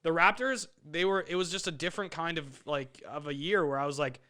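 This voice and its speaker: A man's voice: fairly high pitch, fairly quick, bright, forceful tone. A man co-hosting a sports podcast, chatting casually and rambling emphatically with lots of fillers. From Toronto, Canada. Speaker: podcast co-host.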